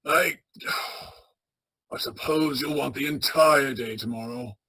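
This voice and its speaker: A man's voice: medium pitch, takes it slowly, sharp tone, husky, full character voice. An actor playing a bitter, miserly old businessman in a radio play, curt, scornful and grumbling. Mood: grudging, grumbling.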